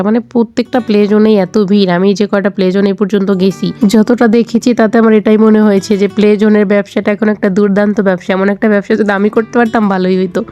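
A young woman from Bangladesh talks through her family day out as a vlogger, chatty and rambling. She speaks quickly in a mellow, warm tone, with soft music playing faintly under the voice-over. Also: mid-range voice. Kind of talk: casual voice-over narration.

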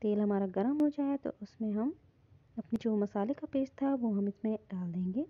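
A woman calmly narrating a step-by-step recipe in her home kitchen. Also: mid-range voice, normal speed. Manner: calm, instructive, repeats "hum" often. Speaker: cooking channel host. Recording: dull lo-fi phone audio.

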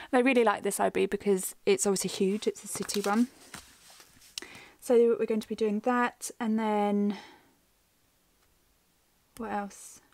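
A middle-aged woman narrates a chatty plan-with-me session, rambling as she thinks aloud, her voice slightly worn as she loses it. She speaks in a steady, a little mellow mid-range voice at a measured pace, pausing often.

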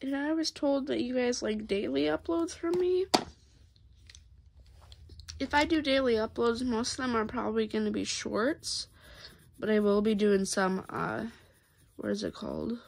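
The speaker is a woman who runs a coloring channel, talking casually to her audience mid-coloring with a stuffy, cold-ridden voice that's a little high and gravelly. Her manner is gentle, leisurely and chatty, broken by pauses, and the camera looks down on her hands.

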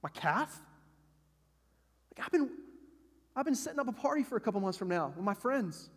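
A man's voice: on the high side, unhurried, dark tone. A man voicing an indignant, entitled older brother who complains in a whiny, exasperated way, heard in a long hall reverb.

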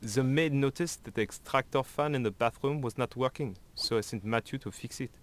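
A man voicing a sleazy, scheming male hotel concierge in a game, with a put-on French accent and halting delivery. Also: mid-range voice, natural voice. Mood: sly. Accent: fake French. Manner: halting, reads one word at a time. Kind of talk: video game voice acting.

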